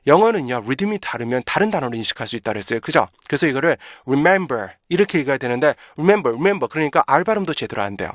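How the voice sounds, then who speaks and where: A man's voice: medium pitch, big pitch swings, very fast, hardly any pauses, no echo. Man drilling pronunciation, dry close sound. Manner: drills syllables rhythmically, asks rhetorical questions. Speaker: English pronunciation teacher. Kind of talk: pronunciation lesson.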